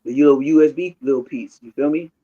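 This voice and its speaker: A man's voice: fairly high pitch, fast, warm tone. A man in his thirties of Haitian background, rambling through a casual, slangy reaction commentary. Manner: rambling, slangy, storytelling with restarts. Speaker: streamer reacting to clips. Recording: dull lo-fi sound.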